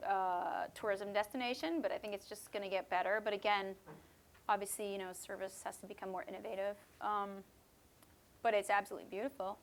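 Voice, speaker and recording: Here the same West Coast Canadian woman talks briskly at medium pitch, her intonation fairly even, with a little hiss or hum on the recording. As a musician guest, she gives thoughtful, chatty interview answers in a relaxed way, using many fillers.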